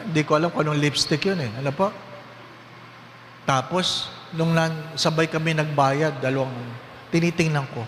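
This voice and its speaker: A man's voice: a little high, fairly even intonation, normal speed, long pauses, a bit bright, big-room sound, slight background noise. A priest preaching a sermon with humor, putting on the voices of people in his stories and asking the congregation questions. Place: church.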